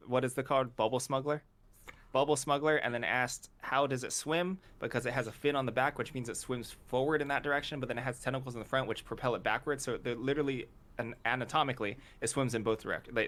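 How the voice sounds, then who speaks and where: A man's voice: mid-range voice, a little fast, fairly bright tone. A man co-hosts a casual podcast reviewing cards. He talks in a chatty, rambling way, spinning out explanations as he goes. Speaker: podcast co-host. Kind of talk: casual card-review chat.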